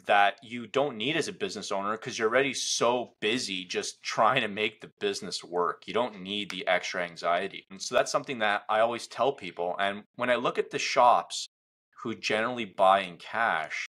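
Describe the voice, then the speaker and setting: A man's voice: fairly low pitch, normal speed. A man hosting a podcast, telling business stories in casual chat with lots of fillers. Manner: animated, filler-heavy storytelling. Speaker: podcast host, equipment seller.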